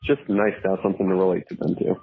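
Brief: husky male caller heard as a played-back voicemail, earnest and halting. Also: low-pitched, little pitch movement, mellow, low-quality recording. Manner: earnest, thankful, slightly halting. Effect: recorded voicemail played back on the show. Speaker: listener leaving a voicemail. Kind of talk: casual phoned-in message.

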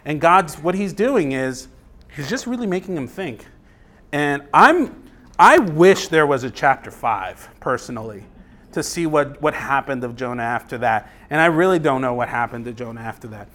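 A man's voice: medium pitch, lively intonation, moderate pace, a bit bright. A man preaching a sermon in a conversational way, asking the listeners questions and acting out quotes. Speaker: pastor.

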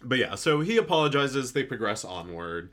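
A man's voice: mid-range voice, sing-song, moderate pace, fairly bright tone. A man co-hosting a podcast, recapping an anime in laid-back casual chat with snarky asides. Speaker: podcast co-host.

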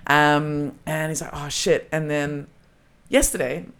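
A woman with an Australian accent telling a lively story in a casual podcast chat, acting out the lines of the people in it. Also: deep voice, slow, clear, resonant tone. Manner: animated storytelling, acting out quotes. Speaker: comedian guest.

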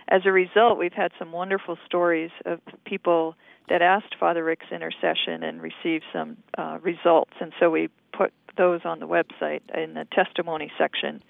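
A woman in her fifties from Hawaii, giving an earnest, steady account of her community's service work. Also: lowish voice, gravelly, no echo. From Hawaii, USA. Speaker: lay community member in mission work. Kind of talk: interview, testimony. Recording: narrow phone-like sound.

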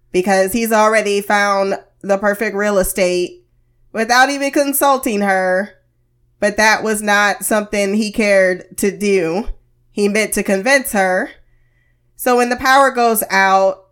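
A woman's voice: mid-range voice, a bit bright. American woman podcaster, medicated and under the weather. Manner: candid, informal, wry. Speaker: podcast host. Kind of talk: casual TV review podcast.

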